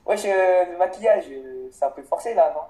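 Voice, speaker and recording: A man's voice: high-pitched, animated, normal speed, warm tone. A young man chatting over a webcam, curious and slangy, quizzing the stranger he meets. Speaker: stranger on video chat. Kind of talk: casual webcam chat.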